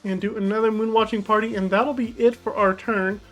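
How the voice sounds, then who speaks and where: A woman's voice: medium pitch, steady tone, a little fast. A woman giving casual commentary on her card game deck, chatty and thinking aloud as she plays. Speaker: gaming YouTuber. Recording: faint background music.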